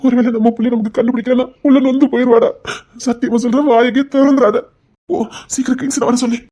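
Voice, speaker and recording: A woman's voice: a little high, steady tone, fast talker, dark tone, close to an everyday voice. Woman voicing a frazzled older family man. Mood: urgent. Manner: urgent, flustered, barking orders. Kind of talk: Tamil serial-style audio drama.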